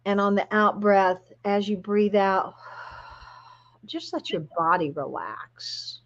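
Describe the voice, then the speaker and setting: Soft, slow woman guiding a relaxation meditation. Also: medium pitch, dull audio. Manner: soft, soothing, slow-paced spa-like delivery. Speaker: spiritual guide and host.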